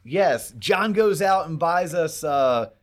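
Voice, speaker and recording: A man's voice: fairly high pitch, animated, takes it slowly. A man hosting a podcast, explaining things in a casual, emphatic way and checking in with rhetorical questions. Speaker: podcast host.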